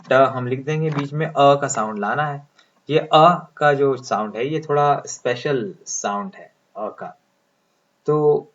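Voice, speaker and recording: A male teacher explains English vowel sounds at an unhurried, deliberate pace. He stretches out each sound while he writes it out. His voice sits at an ordinary pitch, and the recording sounds dull and lo-fi. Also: fairly bright tone. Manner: slow, deliberate, drawing out sounds as he writes symbols. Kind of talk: explaining lesson, speaking Hindi.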